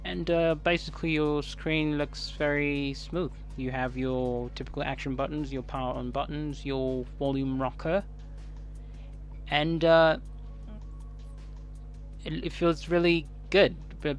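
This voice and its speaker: A man with a Kenyan East African accent giving casual unboxing commentary as a tech reviewer, haltingly thinking aloud. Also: fairly high pitch, fairly even intonation. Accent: Kenyan English. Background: music.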